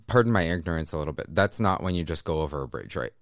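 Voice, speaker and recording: A man's voice: extremely low pitch, expressive, quick pace, no room sound, studio quality. A man in a casual chat, asking playful, teasing questions.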